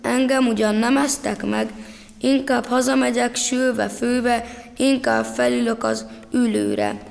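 A woman's voice: fairly high pitch, fairly even intonation, creaky. A woman voicing a small stubborn hen in a children's story, with a sing-song, pleading manner. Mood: indignant. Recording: reverberant room.

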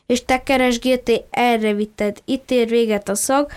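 A woman's voice: on the high side, steady tone, smooth, lightly acted. Woman doing a cheeky, chatty little duckling. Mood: playful. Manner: eager, chatty and teasing.

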